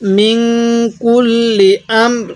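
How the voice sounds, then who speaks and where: A man with a Bangladeshi Bengali accent teaching Quran recitation, stretching out each chanted phrase and then explaining the rules in quick, plain speech. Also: very high-pitched, little pitch movement, a little hiss or hum. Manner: alternates drawn-out melodic recitation with brisk spoken instruction. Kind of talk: tajweed lesson, slow chanted recitation between quick explanations.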